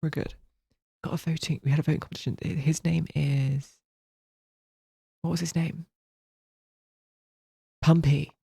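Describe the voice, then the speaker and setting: A male streamer chatting casually while carving a pumpkin, often dropping to a soft half-whisper and rambling with restarts. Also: fairly high pitch, flat delivery, unhurried, gravelly, long pauses, slightly rough, no room sound, clean studio sound.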